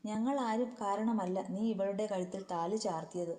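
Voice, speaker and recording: A woman's voice: mid-range voice, moderate pace, dark tone, in a large hall, natural voice. A woman voicing a caring but firm older sister-in-law who coaxes and scolds, read as a story. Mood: scolding. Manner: coaxing yet scolding.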